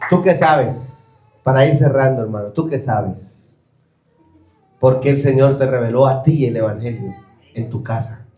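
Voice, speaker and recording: A man's voice: mid-range voice, moderate pace, pauses often, warm tone, faint music behind. A man preaching a sermon as a pastor, emphatic, questioning the congregation and acting out the excuses of others. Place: church hall. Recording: echoey church hall.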